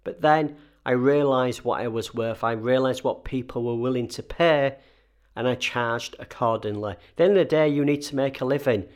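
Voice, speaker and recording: A man's voice: medium pitch, normal speed. A man with a slightly wheezy, chesty voice, getting over a cold, hosting a conversational solo advice episode with emphatic key points. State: recovering from a cold and chest infection. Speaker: host advising freelancers.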